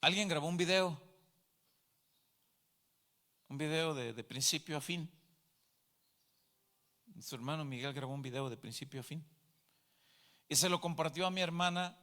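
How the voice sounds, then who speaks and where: A middle-aged man, preaching a sermon to a congregation, passionate and rising to loud cries. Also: fairly high pitch. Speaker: pastor. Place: church before a congregation.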